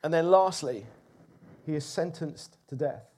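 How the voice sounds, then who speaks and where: Male preacher, high-pitched, expressive sermon storytelling. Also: measured pace. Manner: expressive, animated, with rising emphasis.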